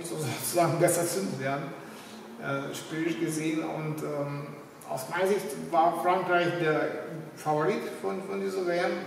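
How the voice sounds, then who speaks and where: Middle-aged male football pundit, slightly high voice, hesitant unscripted commentary, recorded at a distance in a reverberant room. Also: vocal fry. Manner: halting, searching for words. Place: indoors, echoing room with display banners. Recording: echoey room, distant mic, faint noise.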